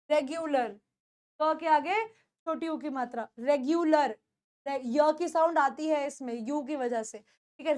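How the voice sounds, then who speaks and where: Woman teacher, first language Hindi, high voice, slow deliberate pronunciation drills. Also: fairly bright tone. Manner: repeats words slowly, asks pupils questions. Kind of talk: classroom-style lesson.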